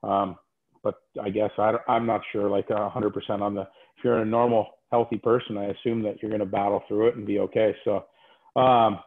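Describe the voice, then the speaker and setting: Coach guy chatting casually, lowish voice, sounds like he's on a phone. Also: flat delivery, brisk. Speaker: hockey coach, interview guest. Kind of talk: casual chat. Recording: tinny, phone-like line.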